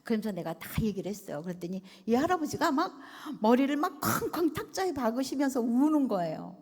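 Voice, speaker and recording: Pastor's wife, testimony speaker: animated storyteller who acts out quoted dialogue, recorded in a reverberant hall. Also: female voice, high voice, fairly quick. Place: large hall at a retreat resort.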